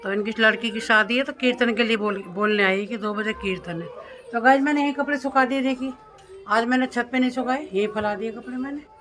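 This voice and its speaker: A woman's voice: fairly high pitch, a little fast, a bit bright, a little hiss or hum. A middle-aged woman chatting casually to her viewers in a home vlog. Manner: chatty, talks straight to viewers. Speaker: vlogger. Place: home indoors.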